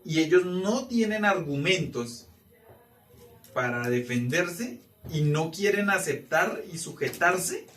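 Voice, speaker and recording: A man's voice: fairly high pitch, a bit bright. Man teaching a Bible class, roomy and distant. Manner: asks the room for agreement often. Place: church meeting room.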